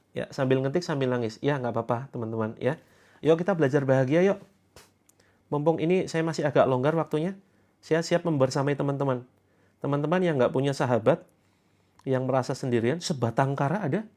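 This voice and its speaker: A man's voice: medium pitch, a little mellow. A man coaching viewers on a live stream in a chatty way, laughing often and reading out their comments. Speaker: online self-help and therapy coach. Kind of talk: casual live-stream talk.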